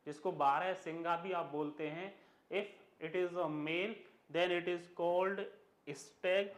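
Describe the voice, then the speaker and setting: A man gives a grammar lesson at an unhurried pace, his voice sitting fairly high. He asks the class questions, answers them himself, and spells each word out letter by letter. The room is echoey. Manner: mixes Hindi and English, spells words out letter by letter. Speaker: English grammar teacher. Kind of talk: classroom lecture.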